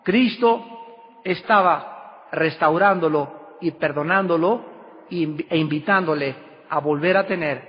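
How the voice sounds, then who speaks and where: A man preaching a sermon, emphatic, with sudden rises and slow drawn-out words. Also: a little high. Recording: dull lo-fi recording with long hall reverb.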